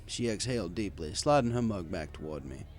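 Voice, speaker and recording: With faint music behind him, a deep-voiced man reads first-person scripted fan fiction in a wry, chatty style, briskly and with lively intonation.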